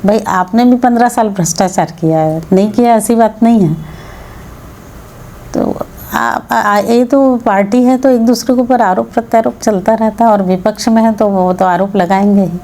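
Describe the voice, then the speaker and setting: A woman's voice: mid-range voice, normal speed, mellow. A woman legislator answering interview questions firmly, arguing her case with rhetorical questions. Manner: firm, argumentative, rhetorical questions. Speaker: MLA, interview guest.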